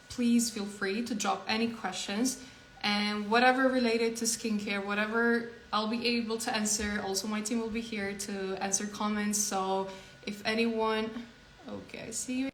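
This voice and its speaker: A woman's voice: mid-range voice, flat delivery, a little slow. A woman hosts a casual live stream, chatty and filled with ums. Her voice carries a roomy echo over a faint hum, as if she is talking into a phone indoors. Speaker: host.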